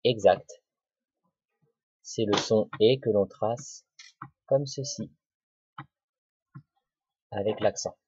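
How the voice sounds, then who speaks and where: A man, a primary school teacher giving a recorded spelling lesson to children, slowly sounding out words syllable by syllable with patient dictation. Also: fairly low pitch, darkish tone, husky, no room sound, highs cut off.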